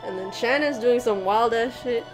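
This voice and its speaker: A young woman chatting casually while playing a visual novel, excitable and quick to swear and laugh. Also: fairly high pitch, low-quality recording. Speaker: let's play co-host. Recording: music playing behind.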